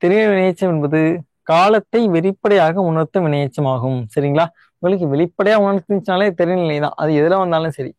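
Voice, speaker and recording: A man's voice: fairly high pitch, a little mellow, no echo. A young man with a Tamil Nadu Tamil accent, teaching grammar for a government exam, explaining step by step and often asking "right?" to check in with his students. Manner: repeats key words slowly to stress them. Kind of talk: online exam-prep lesson.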